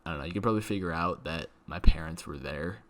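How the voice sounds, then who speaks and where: A young adult man, a video creator, tells a rambling personal story in a low, slightly bright voice at a quick pace. He talks casually and slangily, swears, and fills his speech with "like."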